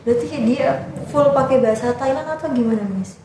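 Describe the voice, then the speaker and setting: A woman's voice: high voice, fast. A young woman hosting a casual podcast interview, asking short questions and repeating answers back. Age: young adult. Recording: distant, very echoey room with faint noise.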